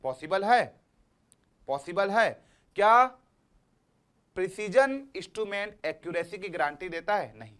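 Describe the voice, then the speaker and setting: This man's voice sits high with lively intonation and a fairly bright, clean tone, though he speaks a little slowly and pauses often. Teaching for an exam, he repeats points, coaxes students, checks that they follow, and calls them "beta."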